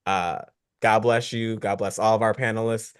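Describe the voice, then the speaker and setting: A young man moderating an online panel, speaking in a grateful, casual and slightly halting way. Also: on the low side, fairly even intonation, smooth. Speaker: panel moderator, former patient. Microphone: video call.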